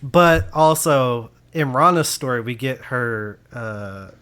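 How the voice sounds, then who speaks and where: A man's voice: mid-range voice, lively intonation, slow, a bit bright, clear, resonant tone. A man hosting a casual movie review podcast. He talks with enthusiasm, laughs often and restarts his sentences. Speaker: podcast host. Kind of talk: casual film review chat.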